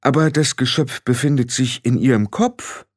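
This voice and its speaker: A fussy, anxious old witch, put on by a man reading an audiobook, frets and scolds. Her voice sits well above a man's usual pitch. The recording is dry and close. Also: normal speed, dry recording, close to an everyday voice. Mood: doubtful. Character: elderly fussy witch woman, anxious and proper. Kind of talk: audiobook character voice.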